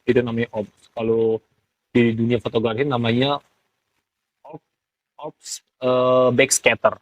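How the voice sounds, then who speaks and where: Interviewed about his work as a ghost photographer, a young man with a Jakarta Indonesian accent talks casually in a medium pitch and level tone. He explains things step by step, stopping to search for words. The audio is close and dry, with no room echo and the highs cut off.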